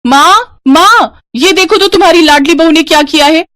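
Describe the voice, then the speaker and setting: Lady voicing nasty scheming sister-in-law, high and shrill, dry close mic. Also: animated, moderate pace, dry recording. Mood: shrill accusing. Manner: shrill, accusing, dramatic. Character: spiteful young woman, scheming sister-in-law. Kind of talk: storybook voice acting.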